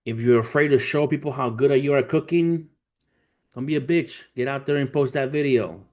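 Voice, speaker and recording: Brisk and mid-range, this man in his thirties trades and hosts a livestream. He curses, leans on street slang, and speaks to viewers as family, sharing stories and motivational talk in a casual chat.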